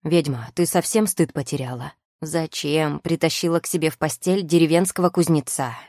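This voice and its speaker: Woman voicing a grumpy yelling furry familiar. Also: deep voice, normal speed, dry recording, clean studio sound. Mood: grumbling, indignant. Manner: scolding, indignant yelling. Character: grumpy loud-mouthed male furry familiar creature.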